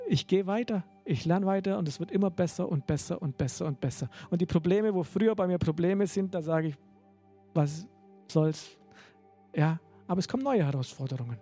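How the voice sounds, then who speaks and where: A man's voice: fast, few pauses, soft background music. A man preaching a sermon to a congregation in a conversational way, often checking in with "ja?" and rising to emphatic peaks. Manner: conversational, peppered with "ja?"; rising to emphatic, excited pitch.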